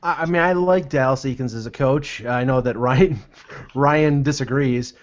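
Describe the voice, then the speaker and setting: A man's voice: medium pitch, normal speed. A man giving casual, opinionated sports commentary as a podcast panelist on a remote online call. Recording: dull lo-fi online call audio.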